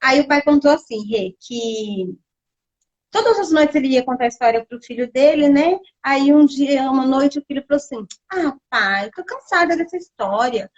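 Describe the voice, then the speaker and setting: A woman's voice: high-pitched, normal speed. A woman hosting a casual live stream chat, telling stories animatedly and mimicking sounds. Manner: animated storytelling with sound effects. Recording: dull lo-fi live stream audio.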